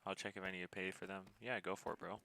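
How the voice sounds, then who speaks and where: A man in his twenties from the United States, casually streaming a game and answering chat messages in a relaxed way. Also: low-pitched, quick pace, vocal fry, a little hiss or hum. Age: 20s. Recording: game music playing behind the voice. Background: background music.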